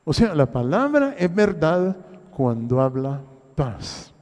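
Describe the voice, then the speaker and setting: An older man with a Honduran accent, a pastor delivering an emphatic sermon full of rhetorical questions and repeated phrases, his voice rising in loud bursts and dropping to low murmurs. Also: very animated, slow pace. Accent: Honduran Spanish. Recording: long hall reverb.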